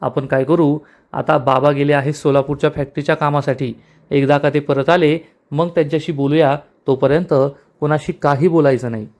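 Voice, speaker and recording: A playful young husband in a TV serial recap, chatty and reassuring, lightly raised in pitch. A man reads his lines. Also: steady tone, normal speed, darkish tone, natural voice. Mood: bantering. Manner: bantering, chatty.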